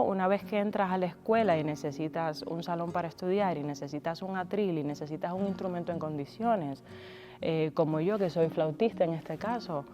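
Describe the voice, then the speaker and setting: Cuban lady musician talking about her roots, lowish voice, soft music behind. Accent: Cuban Spanish. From Cuba. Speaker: flutist and orchestra conductor. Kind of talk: reflective interview answers.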